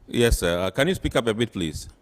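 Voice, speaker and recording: A male host, moderating a TV phone-in politely and briskly. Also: lowish voice, lively intonation, in a large hall. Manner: polite, brisk, many backchannels.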